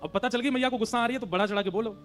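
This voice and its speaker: High-voiced man telling a devotional tale. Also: very fast, soft background music. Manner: animated, chants verses. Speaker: devotional storyteller. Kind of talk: devotional story sermon.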